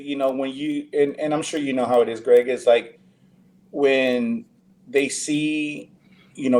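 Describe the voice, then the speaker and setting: A man's voice: mid-range voice, warm tone. A man, an actor guest in a casual interview, talking loosely with many fillers and restarts.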